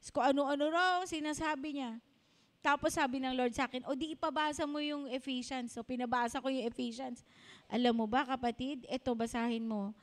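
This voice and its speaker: A woman's voice: high voice, steady tone, a little fast. A woman pastor and doctor preaching a storytelling sermon, talking conversationally to the congregation and mixing in English phrases. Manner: conversational, addresses the congregation directly.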